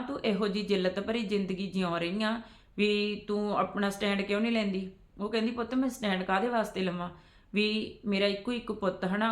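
A woman's voice: medium pitch, echoey room. A woman telling a family story aloud, with frequent "she says" tags in a chatty way. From Punjab. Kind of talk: spoken storytelling with quoted dialogue.

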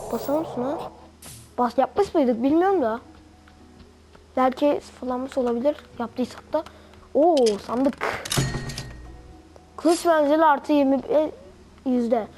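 A woman giving casual let's-play commentary over faint game music, excitable and yelling at enemies with playful slang. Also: high-pitched. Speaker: gamer.

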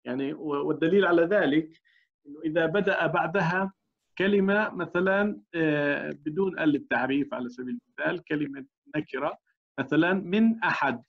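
Male teacher, slightly high voice, muffled recording. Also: expressive, normal speed, vocal fry. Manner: explains step by step, asks the class rhetorical checks. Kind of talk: recorded tajweed lesson.

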